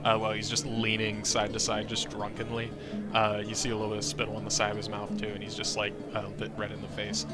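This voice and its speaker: A young man narrating a tabletop game as game master, halting, with many fillers. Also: on the low side, completely flat delivery. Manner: hesitant, lots of fillers. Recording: music playing in the background.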